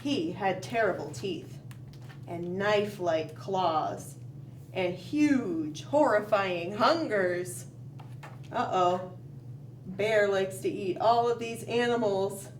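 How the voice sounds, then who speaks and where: Reading a picture book aloud to young children, this storytime host takes her time, speaking expressively at a medium pitch and tossing in questioning asides between dramatic pauses. The mic is some way off in a spacious room, and faint noise can be heard behind her.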